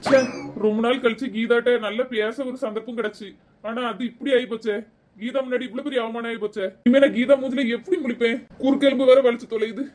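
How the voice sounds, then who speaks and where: A woman's voice: fairly high pitch, fairly even intonation, fast, a little mellow, lightly acted. A woman voicing a lovesick young businessman son in a cartoon, sweet-talking his sweetheart. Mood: sulky. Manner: sweet-talking, self-pitying.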